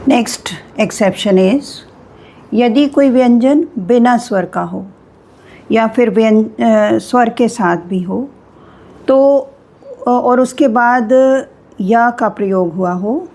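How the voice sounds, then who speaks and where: Very slow-paced woman teaching spelling. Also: a little high, dark tone. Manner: slow, deliberate, spells out sounds with pauses. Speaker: Hindi teacher.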